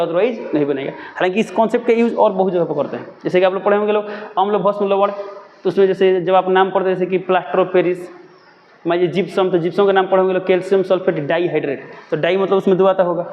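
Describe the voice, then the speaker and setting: Quick, high-voiced teacher. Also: male voice, long reverb tail, highs cut off. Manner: repeats his own questions and answers them. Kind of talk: classroom chemistry lesson.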